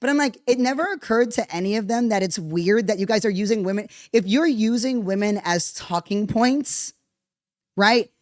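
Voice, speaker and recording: Woman host, blunt, profane, animated commentary, dry close sound. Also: medium pitch, moderate pace, no room sound. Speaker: podcast host. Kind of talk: casual commentary on played clips.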